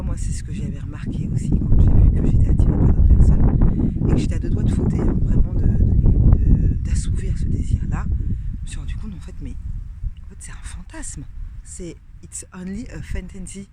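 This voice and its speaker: A woman's voice: deep voice, heavy background noise. A woman coach talking casually to camera, addressing the viewer directly with many fillers and sometimes dropping to a whisper. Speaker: sex and couples coach. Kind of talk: casual advice vlog to camera.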